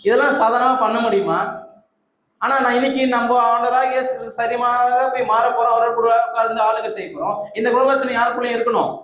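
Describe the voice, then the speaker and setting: A man's voice: very high-pitched, fairly even intonation, quick pace, a bit bright, a little hiss or hum. A man preaching a conversational sermon in a church, quizzing the congregation with questions and waiting for their answers. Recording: echoey hall with faint ambience.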